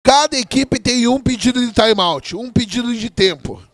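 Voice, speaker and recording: A man's voice: very high voice, normal speed, no room sound. A Brazilian man giving informal, chatty live commentary on an American football game.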